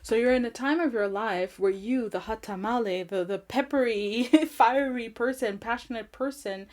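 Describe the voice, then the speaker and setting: A woman's voice: on the high side, moderate pace. Giggly, chatty woman reading tarot cards. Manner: giggly, chatty and warm-hearted, with frequent laughs and fillers. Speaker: tarot reader. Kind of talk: casual pick-a-card tarot reading.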